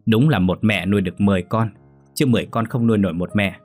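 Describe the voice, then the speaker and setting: Guy doing a stern village doctor lecturing, low plain voice, piano faintly behind. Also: quick pace, darkish tone, lightly acted. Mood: reproachful. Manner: reproachful, lecturing.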